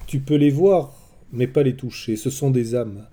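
A man reading a gentle male god who gives calm, soft-spoken advice in a storybook reading. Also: medium pitch, unhurried, lightly acted.

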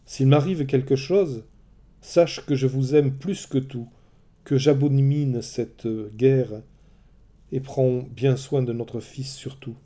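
A man reading a storybook, voicing a brave Trojan warrior prince who speaks gravely and tenderly to his family. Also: medium pitch, steady tone, slow, dark tone, close to an everyday voice.

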